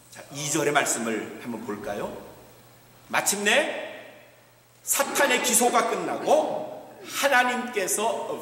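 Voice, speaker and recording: A man's voice: high voice, sharp tone, recorded from a distance. A male pastor preaching a sermon with dramatic storytelling and rhetorical questions, recorded in an echoey church hall.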